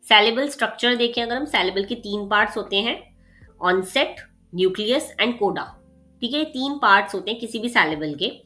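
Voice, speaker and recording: A woman teaching an exam revision lesson casually, often checking in with her students and mixing in English terms, with faint music behind her. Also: mid-range voice. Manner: frequent check-ins of "theek hai" and "okay", mixing English terms; gets faster and louder when excited while explaining. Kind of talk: casual explanatory lecture.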